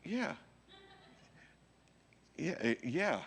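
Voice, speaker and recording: A man's voice: a little high, sing-song, very slow, slightly rough. A male pastor preaching a sermon in a conversational way, often checking in with his listeners. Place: church.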